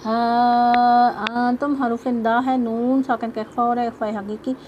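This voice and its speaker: A woman teaching tajweed, explaining each rule step by step and reciting verses slowly in a drawn-out melodic voice. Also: a little high, level tone, highs cut off, slight background noise.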